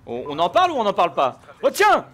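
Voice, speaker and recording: A man giving live, jokey gameplay commentary, shouting out his kills. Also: sits high, wildly swooping pitch, fast talker. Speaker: gaming video host.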